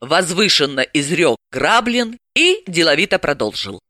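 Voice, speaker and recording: A woman's voice: low-pitched, sing-song, unhurried, pushed and bright, dry recording, studio quality. A woman reading a comic novel aloud as narrator. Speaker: audiobook reader. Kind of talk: scripted narration.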